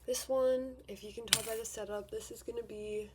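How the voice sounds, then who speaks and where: There's background noise as an eighteen-year-old Australian woman from Victoria does her makeup at her bedroom vanity for a vlog. She chats casually in get-ready-with-me style, rambling a bit and being self-deprecating, in a fairly high voice with fairly even intonation at a moderate pace.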